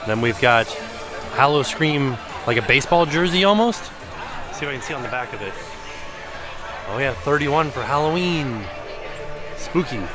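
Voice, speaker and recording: A man's voice: mid-range voice, animated, moderate pace, pauses often. A man chatting casually and enthusiastically as he vlogs a food and merch review. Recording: loud music and busy outdoor crowd behind. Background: loud music, crowd.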